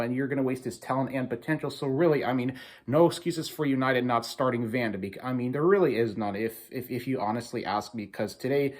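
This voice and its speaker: A man hosting a casual football recap video, complaining emphatically and informally as he repeats his points. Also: mid-range voice. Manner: informal, repetitive, emphatic complaining with mild swearing. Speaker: football fan video host. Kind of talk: casual opinionated match recap.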